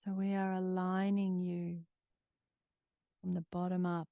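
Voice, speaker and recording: Woman doing a calm grounding exercise, slow and lowish voice, dry close sound, gently encouraging. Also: gravelly, smooth, no room sound, highs cut off. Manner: encouraging, gently instructing in short phrases. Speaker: movement workshop instructor. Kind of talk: calm guided grounding exercise, casual and conversational.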